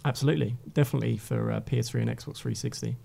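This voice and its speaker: A man's voice: mid-range voice, fairly even intonation, racing, vocal fry, warm tone, a little hiss or hum. A man, a games journalist guest, chatting eagerly in a studio and restarting his phrases often. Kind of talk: casual studio chat. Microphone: studio microphone.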